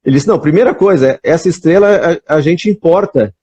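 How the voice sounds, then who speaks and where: A guest chatting on a live stream speaks fairly quickly in a fairly high, mellow voice with a breathy edge, and the audio is dull. With his Brazilian accent, he tells rambling stories full of restarts and repeated "né?".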